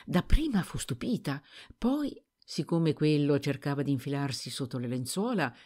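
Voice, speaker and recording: A woman narrating an audiobook in an expressive storytelling manner. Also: deep voice, moderate pace.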